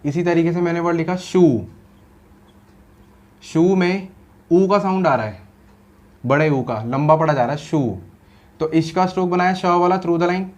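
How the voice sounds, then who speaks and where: A man's voice: high voice, unhurried, long pauses, a little mellow. A man teaching shorthand in a classroom style, explaining step by step and asking rhetorical questions, mixing Hindi with English terms.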